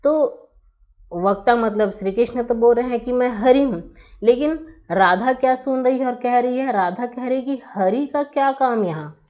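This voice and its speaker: A woman's voice: a little high, moderate pace, darkish tone, highs cut off. Woman teacher explaining step by step. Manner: patient, explains step by step with rhetorical questions. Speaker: Hindi grammar teacher. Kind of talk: explanatory lesson.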